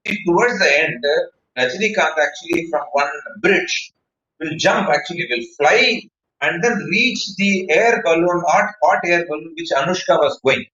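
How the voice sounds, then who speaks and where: A public-speaking trainer with an Indian accent talks emphatically in an online video-call session, weaving in anecdotes and repeated phrases. His high-leaning voice is bright and forceful at normal speed. Being far from the mic, he comes through muffled and echoey.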